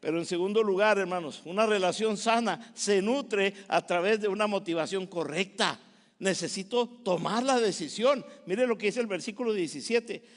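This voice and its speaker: A male pastor preaches with impassioned urgency, pleading with his congregation to act. His voice sits very high for a man. The sound carries a long reverb from the church sanctuary. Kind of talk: sermon.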